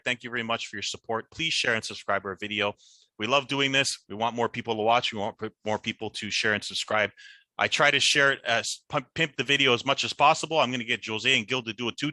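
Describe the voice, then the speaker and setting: A man hosting a casual sports picks podcast, talking in an animated way with a lot of teasing trash talk. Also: medium pitch, no room sound. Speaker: podcast host.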